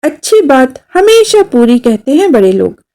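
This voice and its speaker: A woman's voice: high-pitched, a little slow. A woman reading a literary short story aloud, telling it expressively as a young girl thinking to herself. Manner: expressive, voicing a young girl's first-person thoughts. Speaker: story narrator.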